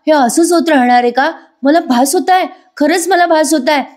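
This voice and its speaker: A woman's voice: sits high, moderate pace, a little mellow, voice pushed up, close to an everyday voice. A woman voicing a middle-aged aunt who anxiously asks whether she is imagining things. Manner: fretful, rising questions.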